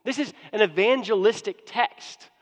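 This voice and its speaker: A man with a high voice preaches a sermon in an easy, conversational manner. He often stops and restarts his sentences. The recording carries the long reverb of a large church hall. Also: normal speed. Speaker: pastor.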